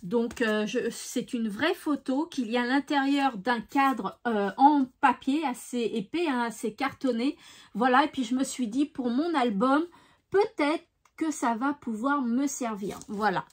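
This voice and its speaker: A French craft vlogger with a regional accent and a high-pitched voice chats casually with her viewers. She's cheerful and enthusiastic, unhurried, and fills her talk with fillers and plenty of "voilà".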